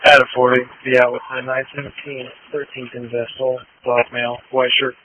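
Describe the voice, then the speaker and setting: A man's voice: mid-range voice, little pitch movement, a little fast. A male police officer calling in over a police radio transmission, giving a terse, clipped report with unit codes. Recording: tinny radio band with hiss.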